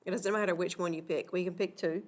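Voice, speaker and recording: A woman's voice: lowish voice, fairly even intonation, fast. A woman teaching a recorded math lesson, patiently walking through examples and checking in with "okay?".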